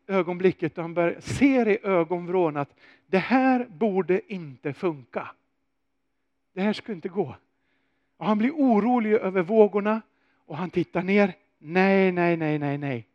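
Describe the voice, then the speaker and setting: A man preaching a sermon, telling a story with animated swings and rhetorical questions. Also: sits high, no room sound, lo-fi sound.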